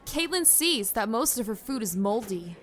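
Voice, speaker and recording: A woman's voice: fairly high pitch, very animated, moderate pace, some chatter behind. Woman narrating plainly. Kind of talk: scripted narration.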